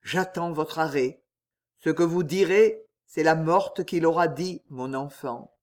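A man's voice: high-pitched, a little slow. A man voicing a remorseful aging nobleman in an audiobook, speaking with fervent humility. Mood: humble. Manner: humble, fervent pleading. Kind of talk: audiobook character voice.

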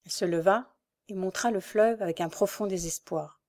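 A woman's voice: medium pitch, normal speed, a little mellow. A woman reading a classic novel aloud as scripted narration, rising to urgent emphasis in the dialogue. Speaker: audiobook reader.

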